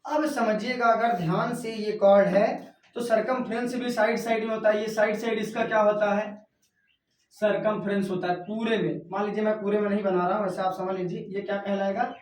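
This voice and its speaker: A man's voice: high voice, steady tone, brisk. A male teacher giving a math lesson at a whiteboard. He keeps repeating each term as a question and then answers it himself. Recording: echoey room, voice from far off.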